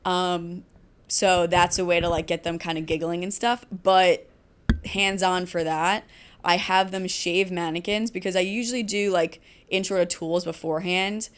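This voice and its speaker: A woman who teaches barbering, telling classroom stories as a podcast guest, animated, with quick asides. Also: on the low side, slight background noise. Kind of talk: casual podcast conversation.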